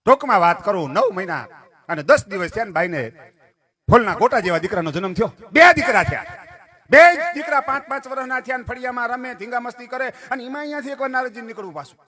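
High-voiced folk storyteller man. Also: animated, fast talker, pushed and bright. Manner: addresses listeners directly and breaks into chanted verse.

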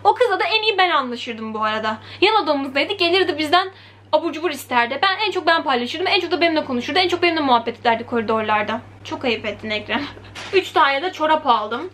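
A young woman telling a story in a casual vlog, animated and chatty, acting out quoted lines. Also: high-pitched, fast. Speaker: vlogger. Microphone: camera mic.

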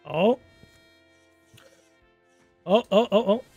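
A man in his twenties commentating a fighting game stream in a casual, laughing way, with quick excited calls of the action. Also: sits high, creaky, slightly rough, dry recording, lo-fi sound, soft background music. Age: 20s.

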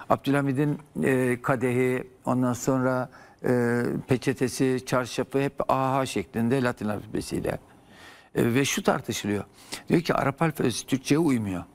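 An older man speaks as a historian guest on a television talk set, his voice carrying a gravelly, creaky texture. He explains at length, filling gaps with hesitant sounds as he searches for words, in a professorial, patient manner. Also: medium pitch. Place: TV studio.

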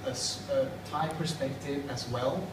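Sitting in a school corridor lined with plastic chairs, a Swedish man in his thirties, Swedish by birth and native tongue, responds to interview questions at a measured pace in a medium-pitched voice. He hesitates thoughtfully, using fillers and restarting sentences, and the far-off camera yields a noisy, echoing sound.

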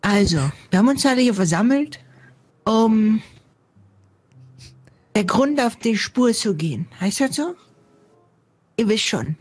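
A woman's voice: a little high, expressive, measured pace, pauses often, darkish tone, husky. A woman doing in-character roleplay, flustered and stammering as she explains herself.

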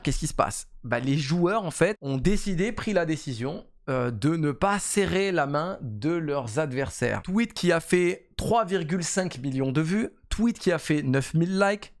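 An esports YouTuber in his thirties talks to camera from his home streaming setup, using a boom-arm desk mic for casual esports commentary. His voice is slightly high for a man, and he rushes, repeating words and using plenty of fillers.

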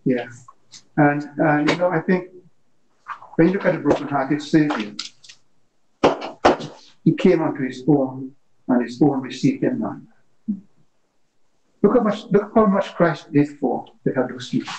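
A man's voice: a little high, lively intonation, measured pace, long pauses, darkish tone, slight background noise. A man telling an earnest story in a church Bible study discussion, often repeating words, recorded by a far camera in a meeting room. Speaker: class member.

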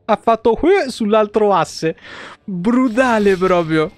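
A man in his thirties speaks slowly in a high, expressive voice, recorded dry, while commenting on a game live. He streams from a small room at home over game music, his slangy, crude talk loaded with swearing.

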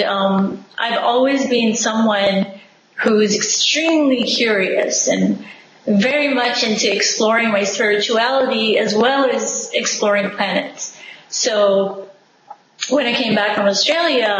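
Speaking over a webcam from her home living room, a young woman from Singapore appears as an interview guest, full of enthusiasm, expressive and quick to laugh. Her voice is mid-range, and the room is echoey with a faint background hum.

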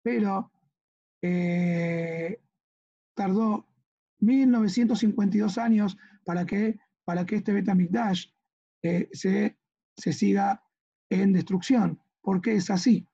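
Earnest Argentine rabbi with husky voice. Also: male voice, sits high, slow, mellow, dull audio. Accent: Argentine Spanish. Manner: earnest, teaching, asks listeners to agree. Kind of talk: religious lesson with slides.

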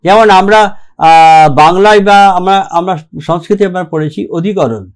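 A man teaching English grammar in a recorded lecture, reading rules aloud slowly and keeping checking that the class follows. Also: high voice. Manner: slow and deliberate, reads English rules aloud, keeps checking "ঠিক আছে?".

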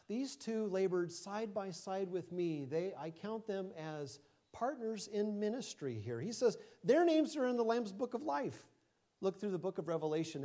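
A middle-aged male preacher with a fairly high but mellow, warm voice. He preaches conversationally, swinging between soft asides and loud emphasis, with a quick chuckle now and then. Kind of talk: sermon.

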